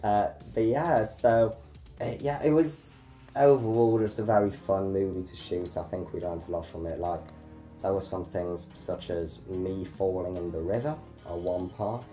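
A man's voice: deep voice, fairly even intonation, normal speed, dark tone. A young man hosting a casual behind-the-scenes chat about his film, chatty and self-deprecating. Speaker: filmmaker, channel host. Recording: roomy echo, faint music.

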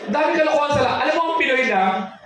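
A Filipino man doing live stand-up comedy, animated and acting out quoted voices. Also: rapid-fire, far from the mic, noisy background. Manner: animated, acts out quoted voices in a high pitch. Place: comedy stage before a live audience. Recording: echoey live venue miked from afar, audience laughter.

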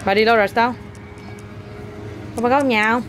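A woman's voice: on the high side, fairly even intonation, normal speed, a bit bright. A mother, chatting with her toddler outdoors and coaxing them in a playful, repetitive way. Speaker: mother filming her child. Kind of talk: casual chat with a toddler. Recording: faint outdoor noise.

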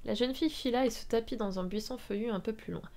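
A woman's voice: a little high, fast, darkish tone. Woman reading aloud with sarcastic asides. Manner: reads with frequent sarcastic asides and laughs. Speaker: streamer reading a story. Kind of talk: live read-aloud with sarcastic commentary.

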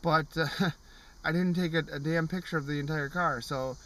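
A car show vlogger in his thirties sits in the driver's seat of a parked car, giving a casual review to a dashboard-mounted camera. He rambles, with plenty of fillers and restarts. His voice is high-leaning and sharp, steady in tone at a normal speed.

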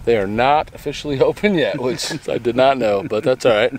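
A man's voice: mid-range voice, brisk, slight background noise. A middle-aged man co-hosting a motorcycle vlog, chatting easily and rambling a little as he talks about a brewery. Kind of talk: casual chat reviewing a brewery. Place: indoors in an old bank vault, later outdoors. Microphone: phone camera at arm's length.

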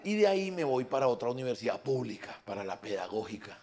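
A man's voice: mid-range voice, sing-song, fast talker, a little mellow. A man with a Colombian accent doing improvised stand-up storytelling on a live stage, crude and swearing. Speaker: stand-up comedian. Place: comedy stage at a live show.

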